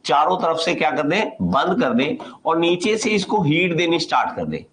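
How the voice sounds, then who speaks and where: A man's voice: a little high, slight background noise, poor audio. A man with an Indian accent teaching an engineering class, explaining with lots of repetition and questions to the students. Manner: animated explaining, repeats and quizzes the class; slow dictation when reading out a definition. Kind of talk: classroom lecture.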